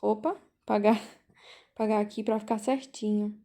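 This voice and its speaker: A woman teaching a language class over a video call, explaining slowly and patiently, repeating key points and checking in with the students. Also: medium pitch, fairly even intonation, dark tone. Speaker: volunteer teacher.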